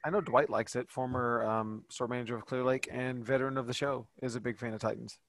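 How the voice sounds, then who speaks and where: A man's voice: mid-range voice, steady tone, a little fast, a loud crowd. Dry laid-back man in podcast chat. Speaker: podcast co-host. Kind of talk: casual chat.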